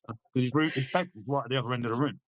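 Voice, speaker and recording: Bloke in his middle years, swearing a lot, telling old army stories, dry sound, voice not high not low. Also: racing, no room sound, highs cut off. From Britain. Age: middle-aged. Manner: laddish, swears freely, acts out quoted lines. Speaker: podcast guest, army veteran. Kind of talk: casual anecdote telling.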